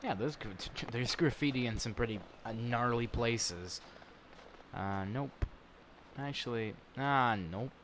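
A man giving loose, profane commentary on a video game as he plays. He talks at a medium pitch, and clear background noise sits under his voice. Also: slow pace. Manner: casual and profane. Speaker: gaming YouTuber. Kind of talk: let's play commentary.

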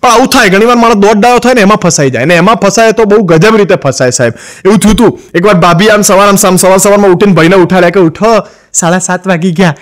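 Gujarati stand-up comic, male, voices the husbands and wives in his jokes, pitched very high and talks fast. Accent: Gujarati, Ahmedabad. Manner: acts out quoted wives and husbands in raised voices. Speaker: stand-up comedian. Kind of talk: Gujarati joke telling to camera.

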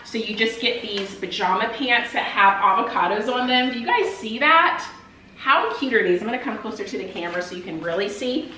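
A woman's voice: mid-range voice, bright, forceful tone, slight background noise. A young woman in a home kitchen, chatting upbeat to her viewers as she shows off her shopping haul. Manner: upbeat, chatty, addresses viewers as "you guys". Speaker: vlogger. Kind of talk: casual haul video chat. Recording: echoey room.

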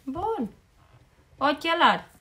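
A mother patiently helping her young child with homework, repeating words slowly and checking understanding as she goes. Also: sits high, very animated, fairly bright tone. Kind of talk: casual coaching at home.

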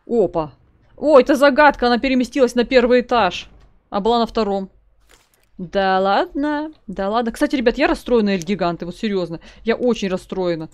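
A woman's voice: fairly high pitch, quick pace. A woman giving casual gameplay commentary as a let's play gamer, chatting to her viewers and reading in-game notes aloud.

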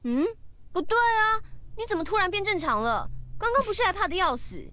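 A bossy young student in a video game who teases her friends. Her voice is high and lively, rising and falling with mocking energy. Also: moderate pace, full character voice. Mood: teasing. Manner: teasing, bossy.

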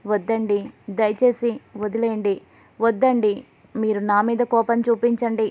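A woman's voice: a little high, level tone, measured pace, close to an everyday voice. A woman voicing a despairing young wife who pleads and confesses in anguish, in slightly dull audio.

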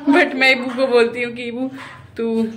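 A woman's voice: on the high side, little pitch movement, a little slow, a bit bright. A woman in her thirties, a vlogger chatting casually as she walks through a rented apartment and points out the rooms. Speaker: vlogger giving a home tour. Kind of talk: casual home tour narration.

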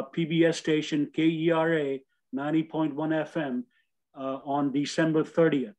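A man's voice: a little high, a little mellow, low-quality recording. An older man hosting a webinar on a video call, reading a formal introduction with hesitant fillers. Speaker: webinar host. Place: home room.

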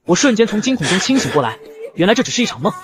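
A man tells a comic story at speed in scripted narration. His pitch swings a lot and sits a bit high, with a brisk, lively storyteller's drive. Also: soft background music.

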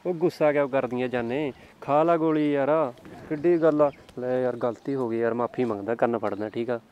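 A man's voice: mid-range voice, brisk, a little mellow, clean tone, natural voice. A young man playing a selfish boyfriend in a short film, dismissive and coaxing by turns. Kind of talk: scripted film dialogue.

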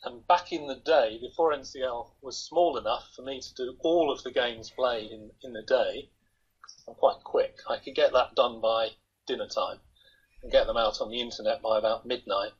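A moderate pace, fairly even intonation and a breathy edge mark this older man's mid-range voice. Joining an interview by video call from indoors at his home, he rambles and downplays himself. His laptop webcam captures it as dull, lo-fi call sound.

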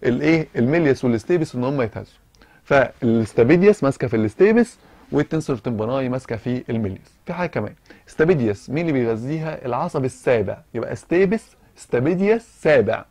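A man's voice: medium pitch, a little mellow, no echo. A man with an Egyptian accent giving an informal medical lecture, asking and answering his own questions and mixing in English terms. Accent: Egyptian Arabic. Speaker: physiology lecturer.

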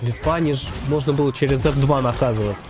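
A man's voice: mid-range voice, a little fast. Man calling fighting game matches over music. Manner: clipped play-by-play calls with gaming jargon, like a fighting game announcer. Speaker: esports tournament commentator.

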